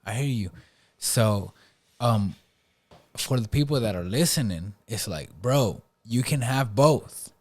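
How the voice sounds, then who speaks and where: A man's voice: mid-range voice, animated, slow pace. A man hosting a podcast in a casual chat, laid-back and tagging his points with "bro" and "right?". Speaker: podcast host.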